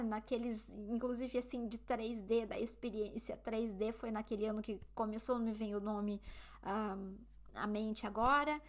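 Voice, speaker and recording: Chatty Brazilian woman, fairly high voice. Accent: Brazilian Portuguese. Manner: chatty, often asks the viewer "né?" and "entende?". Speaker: vlogger living abroad. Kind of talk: casual advice talk to camera.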